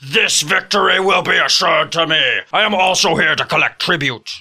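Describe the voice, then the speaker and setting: Cast a man as a blustering warrior chief, piercingly bright, yelling every line. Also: on the high side, normal speed, vocal fry, heavily acted. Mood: boastful. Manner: bellowing, threatening, grandiose boasts. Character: boastful bloodthirsty male barbarian warlord. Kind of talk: comedy radio sketch acting.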